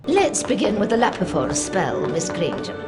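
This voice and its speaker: Woman as older magic-school professor in a game: formal, exacting, lively intonation, music behind. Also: mid-range voice, normal speed, close to an everyday voice. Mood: formal, instructive. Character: stern but fair older female magic-school professor. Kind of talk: video game voice acting.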